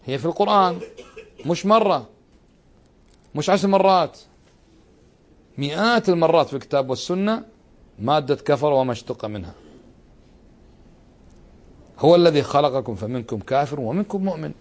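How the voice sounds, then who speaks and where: A man's voice: on the high side, lively intonation, moderate pace, long pauses. A middle-aged man giving a religious lesson, pressing his points with rhetorical questions and repetition. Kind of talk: religious lesson explaining a text.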